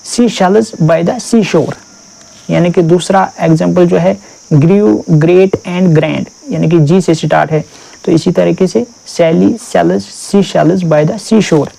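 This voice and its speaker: Gravelly, dark-voiced man teaching vocabulary. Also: fairly high pitch, rough recording. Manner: drills terms with repeated questions; reads English definitions slowly. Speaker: English teacher. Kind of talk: exam vocabulary lesson.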